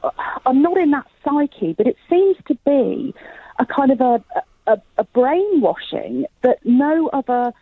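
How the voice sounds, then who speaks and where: A woman's voice: high-pitched, animated, measured pace, dry recording. Earnest woman caller on a phone line. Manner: earnest, hesitant, full of fillers. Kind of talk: phone-in call.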